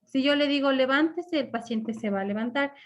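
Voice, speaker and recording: A woman's voice: fairly high pitch, brisk. A woman, lecturing a live online nursing class and explaining step by step with example patient dialogues. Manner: checks in with the class by asking "¿ya?". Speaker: nursing instructor.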